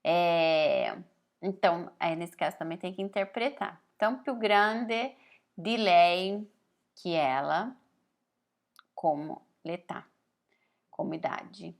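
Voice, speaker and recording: A woman's voice: fairly low pitch, vocal fry. Brazilian woman teaching Italian, casual. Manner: explains slowly, reads Italian phrases aloud carefully; frequent "né?" tag questions. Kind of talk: casual spoken lesson.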